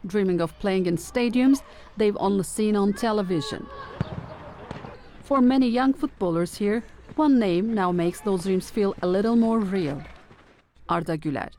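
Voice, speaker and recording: A woman delivering a field news report in a measured broadcast manner. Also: medium pitch, a little mellow.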